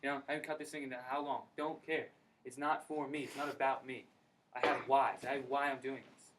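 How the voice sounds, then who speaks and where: A young man giving an energetic, slangy personal testimony at a recruiting meeting in a college room. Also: mid-range voice, fairly quick. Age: young adult. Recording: distant mic, faint background noise.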